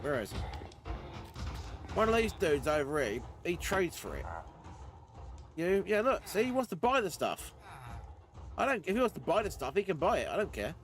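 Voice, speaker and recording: A man's voice: sits high, very animated, moderate pace, long pauses, soft background music. Male streamer, bouncy upper voice, chatty game commentary. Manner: chatty, rambling, talks to himself and teammates. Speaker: gaming streamer. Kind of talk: casual gameplay commentary.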